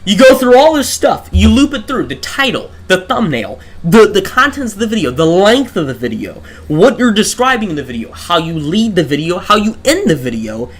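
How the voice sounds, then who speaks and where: An exhausted gaming livestreamer speaks into a desk microphone with a high-sitting voice, big pitch swings, a moderate pace and few pauses. His rant rambles, thoughts spilling out through rhetorical questions and repeated restarts.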